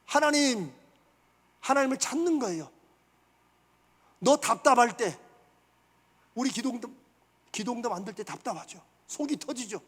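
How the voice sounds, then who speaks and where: High-voiced male pastor in a reverberant church. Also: expressive, normal speed, pauses often, breathy edge. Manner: asks the congregation questions and answers them himself. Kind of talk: sermon. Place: church sanctuary.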